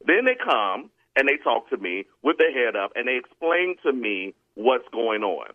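Forty-something man, lively storyteller in conversation, tinny phone-like audio, dry. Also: medium pitch, moderate pace, no room sound. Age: 40s. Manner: animated storyteller, acts out students' voices. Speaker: elementary school educator.

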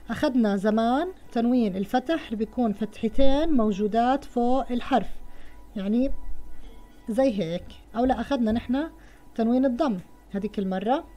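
A woman's voice: fairly high pitch, dark tone. A woman with a Levantine Arabic accent teaching a first-grade lesson to children, patiently spelling out words sound by sound.

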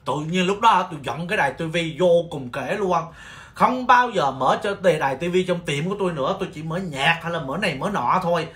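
A man from Vietnam who owns a nail salon, telling stories on his livestream in an animated, exclaiming way with mock-scolding rants. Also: fairly high pitch, fairly quick. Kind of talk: casual storytelling livestream.

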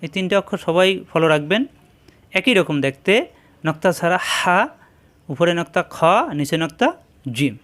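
Male Quran reading teacher, slightly high voice, patient repeat-after-me drilling. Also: fairly bright tone. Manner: slow, drilling repetition of syllables. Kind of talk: spelling out Arabic letters in a recorded lesson.

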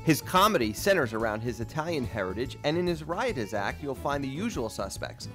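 A man's voice: mid-range voice, very animated, brisk, fairly bright tone. A man hosting a TV show, reading a scripted introduction and asking interview questions in an upbeat presenter manner. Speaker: TV host. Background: music.

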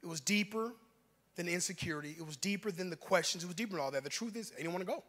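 A male pastor preaching a sermon, rising to shouts and calling for response, acting out scripture characters in a raised voice. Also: sits high, rapid-fire, long reverb tail. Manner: acts out biblical figures' lines in a voice raised for dramatic effect. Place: church sanctuary.

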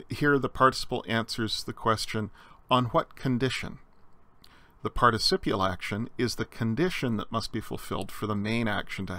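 A man's voice: lowish voice, pushed and bright, no echo. A man giving a recorded slide lecture on Greek grammar, explaining step by step with frequent fillers and restarts.

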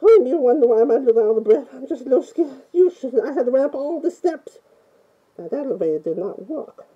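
Playing a skittish Italian plumber man, a woman fan puts on an Italian accent and nervously babbles through a game review, with frequent "oh"s and "mamma mia"s. Her high, animated voice is brisk and slightly rough, and the recording is muffled.

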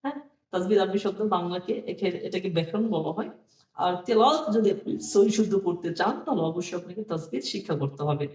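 Man teaching slowly in an echoey room. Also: high voice, lively intonation, a little mellow, distant mic. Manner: slow, deliberate explanations, repeats each rule and often says "হ্যাঁ". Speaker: Quran reading teacher. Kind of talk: classroom-style lesson with chanted mnemonic rhymes. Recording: echoey room, voice somewhat off-mic.

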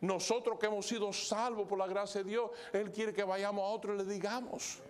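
A man's voice: level tone, a little fast. A man pastor preaching a sermon in church, swinging his voice up and down, slipping in English fillers like "so" and "all right". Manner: preaching with sweeping rises and drops in pitch; mixes English fillers into Spanish. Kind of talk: sermon with live illustrations. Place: church sanctuary.

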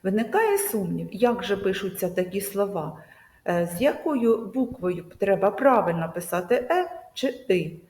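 A woman teacher giving a video lesson to children, speaking slowly and emphatically and drawing out example words. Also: mid-range voice, sing-song, a little mellow. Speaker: primary school teacher. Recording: echoey room with long reverb.

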